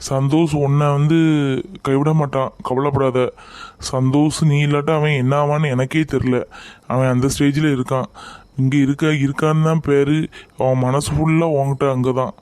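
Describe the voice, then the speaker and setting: A man's voice: medium pitch, flat delivery, normal speed, darkish tone, clear, resonant tone, no echo, lightly acted. A man playing an anxious older brother in an amateur family skit, reassuring and pleading with his upset sister. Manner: pleading, reassuring, worried muttering asides.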